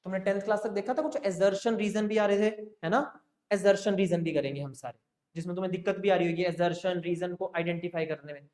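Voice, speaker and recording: A man with a high, fairly even, slightly dark voice teaches the basics of accounting at a brisk pace. He coaxes his students along and keeps checking that they follow. This classroom lecture has a roomy echo.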